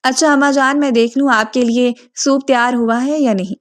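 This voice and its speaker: A woman voicing a caring, gently teasing middle-aged mother in a storybook reading. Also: high-pitched, fairly even intonation, natural voice. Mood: fond.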